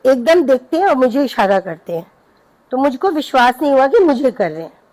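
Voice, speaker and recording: A middle-aged woman with a high voice tells a devotional story to a gathered congregation. She speaks earnestly and recounts the anecdote in a warm-hearted way. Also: big pitch swings, a little fast, poor audio.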